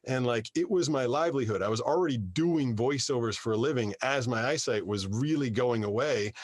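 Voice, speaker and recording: A man's voice: medium pitch, fairly quick, no echo, clean studio sound. Man talking from a soundproof booth. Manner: animated storyteller, repeats words when starting sentences. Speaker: voiceover artist, guest. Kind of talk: conversational interview. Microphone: studio microphone.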